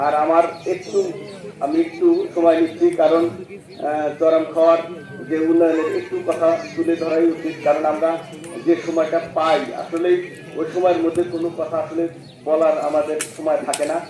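A man addressing a prayer congregation on an open ground, halting often with drawn-out "ah" fillers. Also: a little high, monotone. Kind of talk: public address over a loudspeaker. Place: outdoor Eid prayer ground. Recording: echoey open-air loudspeaker sound, from far off.

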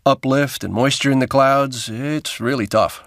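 A man speaking as an airline pilot, giving measured, explanatory answers in an interview. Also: mid-range voice, a bit bright, dry recording, clean studio sound.

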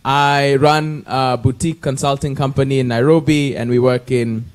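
A man in his thirties from Kenya introduces himself to a roomful of people. He talks in a playful, chatty way into a handheld mic, at an ordinary middle pitch. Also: steady tone, moderate pace. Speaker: conference participant. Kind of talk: self-introduction to an audience. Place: conference room with audience.

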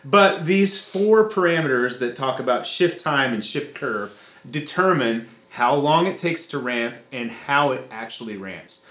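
A man's voice: mid-range voice, lively intonation, measured pace, fairly bright tone, reverberant. A man casually explaining guitar effect settings step by step, with frequent fillers. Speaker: co-host demonstrating guitar effects.

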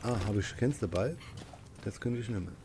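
Guy gaming with his partner, chatty then yelling at the monster, noisy background. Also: on the low side, moderate pace. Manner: talks to himself and partner, excitable outbursts, cursing at the monster. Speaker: gamer playing co-op. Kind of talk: casual gaming commentary.

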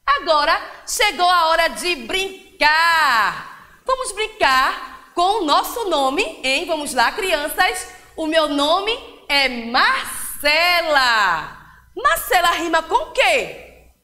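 Woman teacher for young children, high and lively, very slow sing-song reading, echoey hall.

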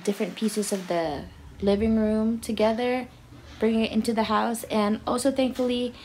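A woman's voice: mid-range voice, a little mellow, slight background noise. A young adult woman vlogger giving a cheerful, chatty voice-over for a home video, with frequent ums and uhs.

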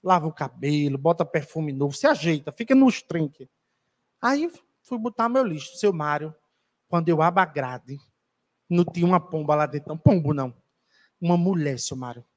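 In an auditorium, a man giving a spiritist lecture tells a story chattily and teasingly, singling out audience members by name. His voice is a little high with lively intonation, at a normal speed.

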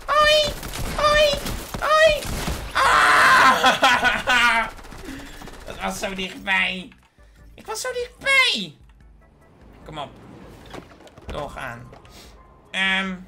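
A woman giving excitable gameplay commentary as a gaming video host. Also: sits low, creaky. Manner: excitable, shrieks and squeals at sudden moments, hushed when sneaking. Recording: game music behind the voice. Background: background music.

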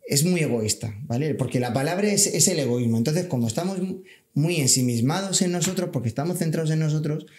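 A man speaks earnestly and a little preachily, talking through everyday examples in a casual podcast chat. His voice sits a bit high. The room around him rings with noticeable echo. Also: fast, darkish tone, slight background noise. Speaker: podcast guest, civil guard officer.

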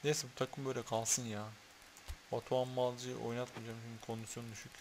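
A man's voice: mid-range voice, flat delivery, brisk, noisy background. A man commentating on a football video game he is playing, talking to the players on screen, swearing, and getting worked up over fouls. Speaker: gaming YouTuber.

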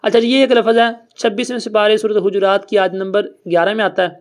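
A patient recitation teacher leads a classroom lesson in a middle-pitched voice. The teacher explains each rule step by step in a plain, conversational way. Students are kept busy answering and repeating the teacher's questions back. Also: flat delivery. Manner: patient, quizzes students and has them repeat. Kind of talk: classroom lesson with call-and-response.

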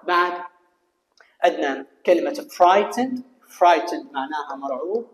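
Male teacher, Iraqi Arabic accent, fairly high voice, slow explaining, long reverb. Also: a little hiss or hum. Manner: explains slowly, reads English phrases then translates them. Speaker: English teacher. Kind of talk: recorded classroom lesson. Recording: echoey room with long reverb.

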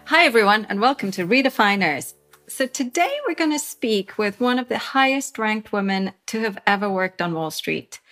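A woman's voice: fairly high pitch, lively intonation, normal speed, few pauses, fairly bright tone, soft background music. Enthusiastic woman podcast co-host. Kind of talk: scripted intro and interview questions.

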